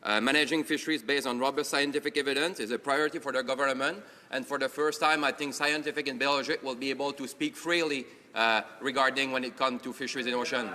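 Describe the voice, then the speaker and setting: A man's voice: medium pitch, steady tone, quick pace, few pauses, sharp tone. A man speaking as a parliamentary secretary, giving a formal answer with hesitant phrasing. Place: large legislative chamber. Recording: echoey hall, faint crowd.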